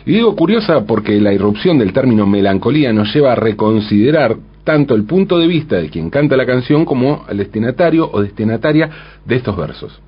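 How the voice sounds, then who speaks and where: A man's voice: mid-range voice, big pitch swings, a little fast, slightly rough, dull audio. A man, talking through a song's lyrics in a thoughtful way, often asking rhetorical questions. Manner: thoughtful, frequent rhetorical "¿no?", self-corrections. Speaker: commentator analyzing song lyrics. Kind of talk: spoken lyric analysis, measured and reflective.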